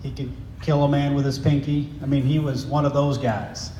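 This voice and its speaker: A man's voice: medium pitch, flat delivery, normal speed, mellow. A middle-aged man, head of a school, giving a friendly chapel talk to students, joking and asking them questions, on a handheld microphone. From grew up in Italy and Germany. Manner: chatty, jokey, asks the kids questions. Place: large school chapel hall. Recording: echoey hall, faint noise.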